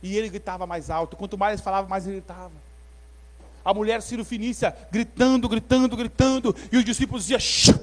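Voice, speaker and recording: Male pastor, very high voice, lively repetitive sermon delivery. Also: fast talker. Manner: animated, repetitive preaching, addresses listeners as brother. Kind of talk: teaching sermon. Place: church.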